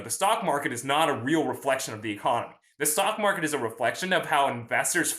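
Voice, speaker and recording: A man's voice: a little high, pushed and bright, roomy sound. A young man hosting a casual livestream about finance, explaining in a chatty way and greeting viewers from the chat. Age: young adult. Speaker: host.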